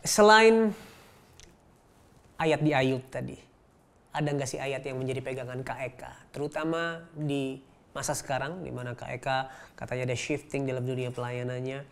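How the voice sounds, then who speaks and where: A woman host asks questions and affirms her guest's answers with short responses. Her voice is notably low for a woman, and she mixes English phrases into her speech. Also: moderate pace, pauses often. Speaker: talk show host. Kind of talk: interview hosting.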